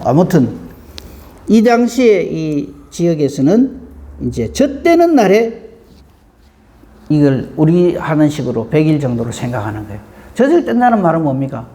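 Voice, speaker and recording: A man preaching at an early morning service, his voice high and full of gravelly fry. He talks in a folksy, conversational way, swinging his pitch widely and firing rhetorical questions at the congregation. His tone stays mellow and warm. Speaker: pastor. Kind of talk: dawn service sermon.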